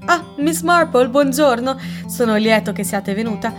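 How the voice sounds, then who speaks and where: A woman's voice: a little high, lively intonation, moderate pace, over music, voice pushed up, lightly acted. Woman doing a blustering old English colonel. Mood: indignant. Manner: gruff, loud, pompous. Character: blustering elderly English colonel, stiff and indignant.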